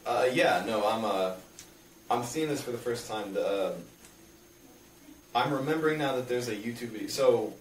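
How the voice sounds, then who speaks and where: A man's voice: mid-range voice, animated, normal speed, pauses often. A young adult man being interviewed, explaining things casually in a hesitant, rambling way. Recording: echoey room, distant mic, faint noise.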